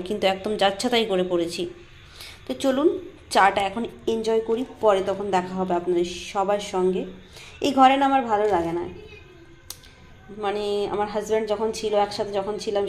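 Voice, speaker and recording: A woman with a West Bengal Bengali accent, chatting homely to viewers while filming her family home on a handheld phone. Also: mid-range voice. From West Bengal, India. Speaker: family vlogger. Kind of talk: casual vlog narration. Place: family home, indoors and on a rooftop.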